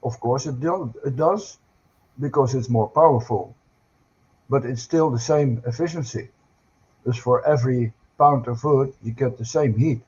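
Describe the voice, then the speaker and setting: A man's voice: mid-range voice, a little slow, a little mellow, breathy edge, dull audio. An older man, a guest on a casual panel, speaking hesitantly with frequent fillers and careful phrasing.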